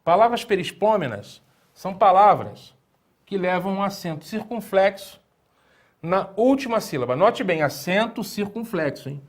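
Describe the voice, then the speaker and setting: A man with a fairly high voice teaching a language lesson at an unhurried pace. He explains patiently, poses rhetorical questions to the viewer and repeats key words slowly for emphasis. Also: sing-song. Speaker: Greek teacher.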